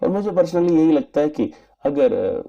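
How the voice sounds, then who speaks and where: A man giving an earnest, measured spoken movie review in formal wording. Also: on the high side, sing-song, vocal fry, muffled recording. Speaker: film reviewer.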